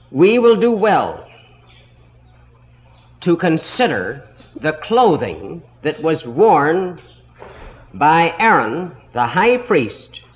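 A man teaching a Bible school lesson in a slow, deliberate way, stopping to spell out words letter by letter, heard on an old 1960s tape recording. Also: a little high, muffled recording.

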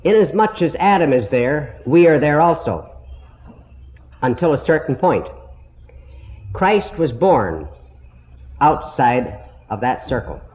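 A man giving a slow, deliberate Bible lesson to a congregation, heard on an old, muffled tape recording. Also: fairly high pitch, very animated. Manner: slow, deliberate, explanatory teaching. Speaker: Bible teacher.

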